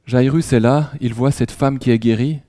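Male preacher raised in France, mellow dark tone, dry close sound, intimate sermon delivery. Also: medium pitch, fairly even intonation, moderate pace, dry recording. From France, raised in Alsace. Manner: drops to a hushed near-whisper for emphasis; many restarts, conversational storytelling.

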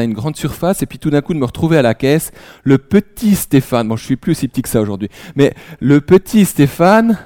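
Male preacher raised in France, mellow dark tone, dry close sound, intimate sermon delivery. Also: mid-range voice, dry recording. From France, raised in Alsace. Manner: drops to a hushed near-whisper for emphasis; many restarts, conversational storytelling.

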